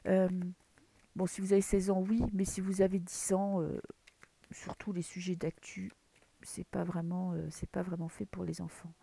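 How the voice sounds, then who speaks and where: A woman with a French accent chats casually while reading tarot cards in a dim room at home in the early morning, rambling with lots of fillers and restarts. Her voice is fairly low and creaky, mellow with a breathy edge, with little pitch movement and a moderate pace.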